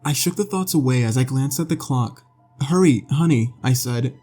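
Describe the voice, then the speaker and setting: A man narrating a scripted horror story with a slow, measured storytelling delivery. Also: medium pitch, a little mellow. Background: faint background music.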